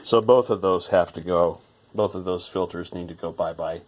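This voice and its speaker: An electronics repair hobbyist presents a restoration, narrating the hands-on work informally and rambling a bit as he thinks aloud. His voice is deep and darkish, at a moderate pace.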